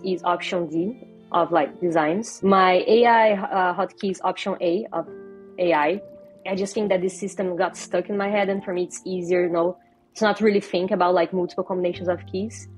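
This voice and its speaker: A young woman, a software designer whose native language is Portuguese and who speaks with a Brazilian accent, appears as an interview guest on a video call from a small bedroom at home. Her mid-range voice has a darkish tone, the recording is rough, and she explains things casually.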